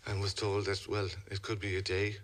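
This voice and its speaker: A middle-aged man with a west of Ireland accent tells a personal story as a radio interview guest. His voice sits fairly low. He phrases things deliberately, pausing and repeating words as he goes. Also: completely flat delivery. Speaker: interview guest, a father telling a family story.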